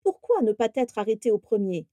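A woman's voice: on the high side, big pitch swings, fairly quick, warm tone, no room sound. Abraxas, a woman voicing a mocking aristocratic wizard. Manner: mocking, gloating. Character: haughty scheming aristocratic wizard, man.

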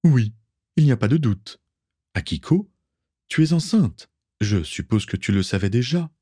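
A man voicing a calm, reassuring ship's doctor in a read-aloud story. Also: medium pitch, measured pace, husky, no echo, studio quality, voice pushed up.

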